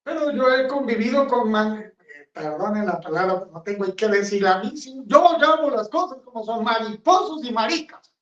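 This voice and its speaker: A man's voice: very high voice, lively intonation, moderate pace, fairly bright tone. A man, a friar, preaching a homily in a blunt, rambling, conversational way. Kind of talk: sermon. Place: chapel. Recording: roomy, distant, dull sound.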